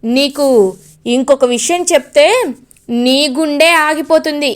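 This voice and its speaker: A woman's voice: sits high, fairly even intonation, measured pace. A woman doing a cocky, taunting young man. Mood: defiant. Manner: taunting, insistent.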